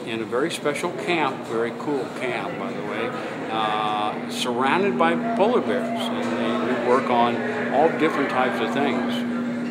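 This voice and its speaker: A middle-aged man talking in a conversational educational interview, encouraging and often checking in with the listener. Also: medium pitch. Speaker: youth programme leader and interviewer. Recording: loud ambient vehicle-like background noise.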